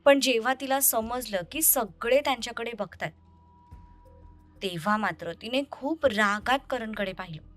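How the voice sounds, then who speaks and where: Bright-voiced woman narrating a story. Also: a little high, moderate pace, soft background music. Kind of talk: scripted narration.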